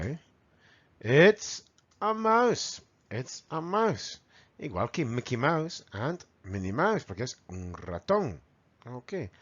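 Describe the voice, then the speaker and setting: A man with a Spanish accent from Spain teaching English vocabulary to children, repeating words slowly and mimicking animal sounds. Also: medium pitch, dull audio. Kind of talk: bilingual vocabulary lesson.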